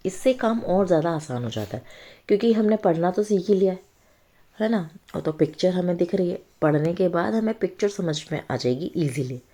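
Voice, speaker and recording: A woman with a lowish, dark-toned, animated voice gives a reading lesson to young children. She works through a worksheet slowly and patiently, checking in with the listener often.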